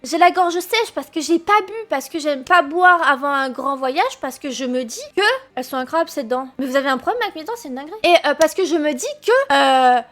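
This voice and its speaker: Give me an excitable young woman streamer with a very high voice, telling a story to her chat. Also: fairly quick, few pauses, soft background music. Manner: excitable, swearing, laughing, greeting chat mid-story.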